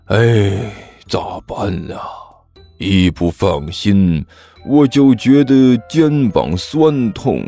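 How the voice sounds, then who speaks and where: A man's voice: lowish voice, lively intonation, dark tone, faint music behind, exaggerated voice. A man doing a lazy, sly old immortal. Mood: drawling, coy. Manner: drawling, slow, evasive, fake-innocent. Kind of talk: audiobook character voicing.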